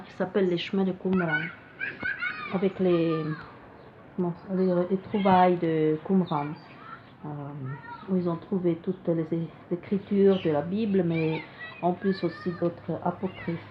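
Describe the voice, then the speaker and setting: A woman presents a card deck in an improvised, casual way, speaking very slowly in non-native French with a foreign accent. She often searches for her words. The recording is dull, with a little background noise. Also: fairly low pitch, steady tone. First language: not French. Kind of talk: casual improvised explanation to viewers. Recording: dull lo-fi sound with faint noise.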